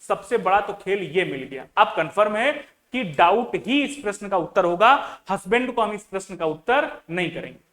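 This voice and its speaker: A man's voice: high voice, animated, moderate pace, hardly any pauses, fairly bright tone. A man teaching an exam-prep reasoning lesson, asking his students questions and repeating key words, with English terms mixed into his speech.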